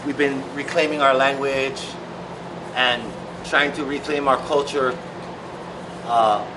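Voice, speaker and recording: A soft-spoken songwriter and musician from Hawaii gives a reflective interview in a steady, mid-range voice, thoughtful and halting with many fillers. He sits far from the mic in a large open-sided outdoor shed, so background noise is clear.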